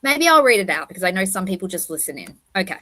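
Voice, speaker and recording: A woman's voice: fairly low pitch, very animated, quick pace, pushed and bright. A woman with a lisp and whistling s, chatting and correcting herself as she hosts a casual livestream commentary. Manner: rambling, self-correcting, chatty. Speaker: livestream host.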